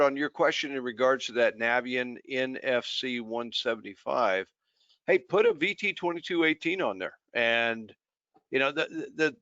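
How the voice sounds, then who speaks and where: A man with a mid-range voice and sharp tone, with no room sound, co-presents a live chat as a trainer for a pump maker. He hands out casual technical advice in informal, folksy language. The audio is dull, lo-fi online call quality.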